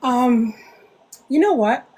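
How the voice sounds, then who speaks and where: Chatty woman with a slightly high voice. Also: expressive, slow pace, darkish tone, low-quality recording. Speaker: interviewed author. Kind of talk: casual podcast interview chat.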